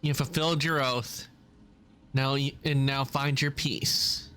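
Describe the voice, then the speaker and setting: A man's voice: medium pitch, steady tone, takes it slowly, bright, forceful tone. A man giving casual game commentary as he plays. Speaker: gamer.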